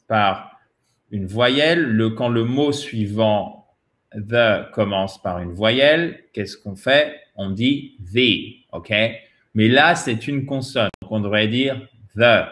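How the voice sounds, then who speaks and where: In a French-language pronunciation lesson, a man with a medium-pitched, slightly bright voice teaches English sounds. He goes slowly, drilling each model word several times and often closing a point with a checking "ok?".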